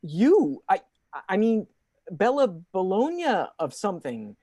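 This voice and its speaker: A woman's voice: mid-range voice, very animated, takes it slowly, mellow, no room sound, studio quality. A woman playing a bumbling, henpecked husband who stammers and sounds exasperated during an improvised comedy scene.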